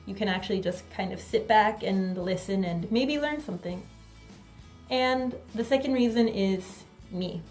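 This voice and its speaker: A language teacher sits indoors in front of her camera, explaining a grammar lesson clearly and deliberately as faint music plays in the background. Her voice is medium-pitched and a little mellow, and Korean is not her first language.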